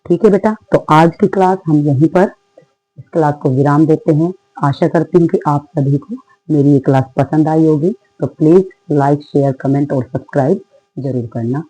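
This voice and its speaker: Patient woman teacher, mellow dry voice. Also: sits low, moderate pace, husky, no echo, faint music behind, low-quality recording. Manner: patient, calls pupils "beta", asks and answers her own questions; often says "theek hai" between points. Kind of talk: online Hindi lesson for young children.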